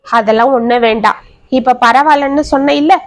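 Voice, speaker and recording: A woman voicing a weary husband who talks softly and slowly to reassure his wife. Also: a little high, dry recording, close to an everyday voice. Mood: reassuring. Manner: soft, reassuring, speaks slowly. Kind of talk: storybook narration.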